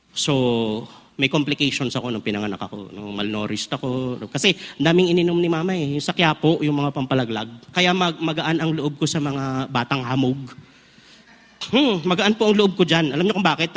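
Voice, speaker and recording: A man in his forties preaching at a conference, telling funny personal stories and asking the crowd questions. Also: fairly high pitch. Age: 40s. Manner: animated, humorous storytelling, asks the crowd questions. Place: large indoor conference hall. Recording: long reverb of a large hall.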